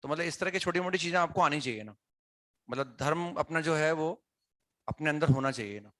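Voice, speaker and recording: A man's voice: a little high, animated, a little fast, fairly bright tone, no room sound. A male teacher talks to his students in a classroom, explaining things conversationally and often checking whether they follow. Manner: conversational, asks students questions, frequent "है ना" tags.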